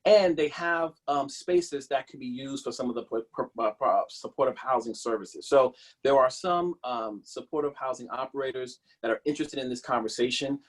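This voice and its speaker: Answering a policy question, this man, a political candidate, speaks at a medium pitch. His voice is slightly husky and halting, and he keeps going back to repeat and fix what he has said.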